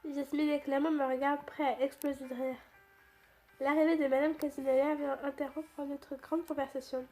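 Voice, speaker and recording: Woman, high voice, first-person story reading, chatty asides, faint background music. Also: level tone, moderate pace, a little mellow. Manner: chatty narration with restarts and asides.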